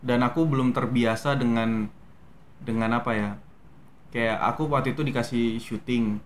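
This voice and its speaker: A young guest actor from Medan, with a softened Medan Indonesian accent, tells his story in a relaxed, hesitant way packed with fillers. His medium-pitched voice moves at a moderate pace in casual interview talk, with slight background noise.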